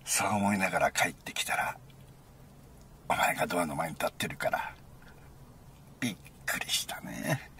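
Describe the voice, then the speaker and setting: A man reading a first-person story aloud as an intimate, conversational monologue, sometimes dropping into a hushed near-whisper. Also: low-pitched, normal speed, pauses often, slight background noise. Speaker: narrator.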